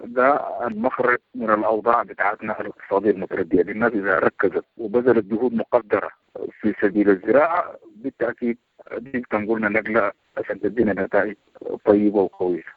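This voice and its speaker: A man's voice: fairly low pitch, fast talker, slightly rough, no room sound, narrow, tinny audio. A man with a Sudanese Arabic accent, a radio guest answering questions in an earnest manner.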